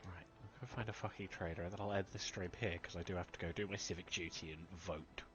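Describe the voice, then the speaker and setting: A man's voice: deep voice, fairly even intonation, fast, highs cut off. A man with a southern English accent, streaming a game and chatting casually, laid-back and swearing often. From southern England. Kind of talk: casual chat while gaming.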